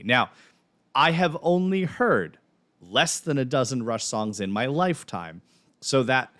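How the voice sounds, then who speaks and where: A man's voice: medium pitch, fairly bright tone. A man in his thirties, co-hosting a music reaction show, talking thoughtfully and rambling with ums and laughs. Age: 30s. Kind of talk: casual chat.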